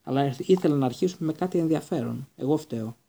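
Hagrid: a man doing a hoarse, miserable giant gamekeeper. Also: on the high side, dark tone. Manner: miserable, self-blaming. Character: giant, drunk, gloomy gamekeeper.

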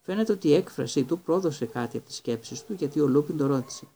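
A man reading a Greek audiobook in a steady, even storytelling manner. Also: on the high side, gravelly, breathy edge. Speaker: audiobook reader. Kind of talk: audiobook narration.

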